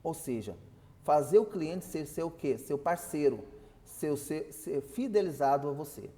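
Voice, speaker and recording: A man's voice: a little high, expressive, measured pace, dark tone, in a large hall. A man teaching a customer service class, explaining and asking his students questions. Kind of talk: online class lecture.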